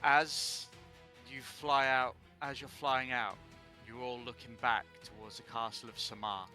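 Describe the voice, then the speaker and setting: A man running a tabletop game as dungeon master on a live stream, narrating deliberately and often correcting himself as he goes. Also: mid-range voice, little pitch movement, pushed and bright, faint music behind. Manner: slow, deliberate narration with restarts and self-corrections.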